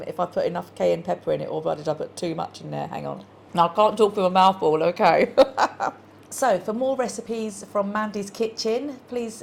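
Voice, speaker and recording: Woman cooking-show host, chatty and self-deprecating, gravelly voice, noisy kitchen recording. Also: medium pitch, darkish tone. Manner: chatty, rambling, self-deprecating, many ums. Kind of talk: casual cooking demonstration.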